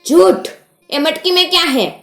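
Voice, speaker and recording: A woman's voice: high-pitched, animated, moderate pace, soft background music, pitched above the performer's own voice. Woman doing a barking colonial officer. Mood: barking threats. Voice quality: shouting, harsh. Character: angry British colonial officer, barking broken Hindi.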